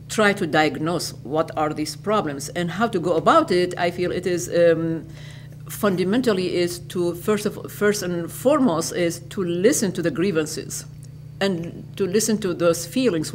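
Older lady from iraq in an empty lecture hall, measured steady talk, noisy hum behind. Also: lowish voice. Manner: measured, repeats and restates phrases. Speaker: interviewee, educator and public speaker. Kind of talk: reflective interview answers.

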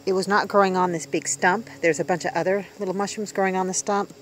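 A woman in her fifties vlogs casually on a walk through the woods, chatting and wondering aloud as she goes. Her voice sits fairly low, with fairly even intonation and a quick pace. The outdoor recording on a handheld phone camera carries a little hiss or hum.

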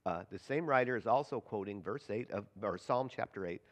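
A male pastor preaching a sermon and reading scripture, building loud and slow on key points, with restarts. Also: on the low side, expressive. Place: church sanctuary. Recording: reverberant church live stream.

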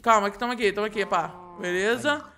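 Fast, high-voiced Brazilian young man gaming. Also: faint music behind. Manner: excitable, talks while playing, repeats words. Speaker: gaming YouTuber. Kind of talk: casual Minecraft let's-play chat.

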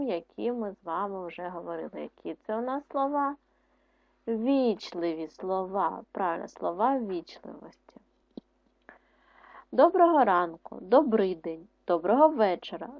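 A woman's voice: medium pitch, gravelly, dry recording. Ukrainian woman, primary teacher, patient and encouraging, close, dry and slightly muffled recording. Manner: patient, encouraging, syllable-by-syllable drilling. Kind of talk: recorded online reading lesson.

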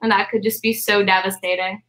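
Bright earnest woman teacher. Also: medium pitch, flat delivery, fairly quick. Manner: earnest, anxious. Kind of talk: panel chat.

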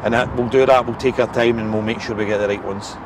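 A man's voice: mid-range voice, fairly even intonation, quick pace. A Scottish man in his forties, a football manager giving a post-match interview outdoors, frank and repetitive, with many eh and listen fillers. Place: outdoors beside a football pitch. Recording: outdoor noise with passing traffic.

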